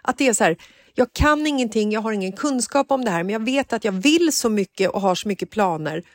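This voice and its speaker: A woman's voice: mid-range voice, lively intonation, dry recording, clean studio sound. A woman co-hosting a casual podcast, chatty and agreeable, thinking aloud as she talks. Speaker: podcast co-host. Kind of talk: casual chat.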